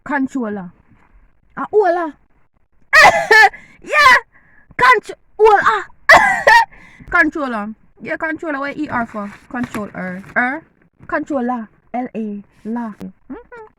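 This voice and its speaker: A woman's voice: high-pitched, wildly swooping pitch, takes it slowly, noisy background. A woman from Jamaica with a Jamaican accent, chatting playfully to camera and eating as she talks. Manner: playful, teasing, eating while talking. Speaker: vlogger. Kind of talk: casual chat to camera.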